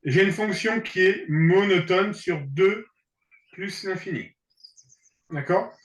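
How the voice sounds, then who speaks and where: A man's voice: high-pitched, takes it slowly, fairly bright tone, roomy sound. A man tutoring a student in math online, teasing and joking as he explains. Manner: joking, teasing, laughs often.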